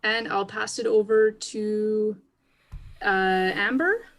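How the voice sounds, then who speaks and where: A woman's voice: medium pitch, slow pace. A woman introducing herself on a video call, friendly and lightly laughing. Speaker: participant, former staff.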